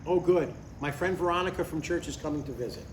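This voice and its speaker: A man in his sixties, speaking on the high side at a quick pace and only lightly acting, voices a stubborn, earnest father of sixty-two who wants to be a writer and gets defensive. It's a live comedy table read with an upbeat, earnest feel, captured in an echoey room on a distant mic with faint noise.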